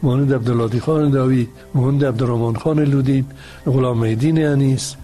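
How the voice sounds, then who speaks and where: A man's voice: medium pitch, fairly even intonation, dark tone, soft background music. A male guest, answering an interview question earnestly and hesitantly, with frequent restarts.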